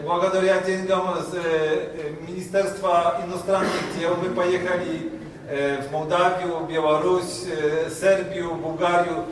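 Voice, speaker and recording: Male speaker, high voice, Polish accent, halting non-native delivery of an opening address, heard from afar in a very echoey hall. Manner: halting, searching for words in non-native speech. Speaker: exhibition organizer. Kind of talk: public speech at an exhibition opening. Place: large reverberant indoor hall. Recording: very echoey hall, distant mic, faint noise.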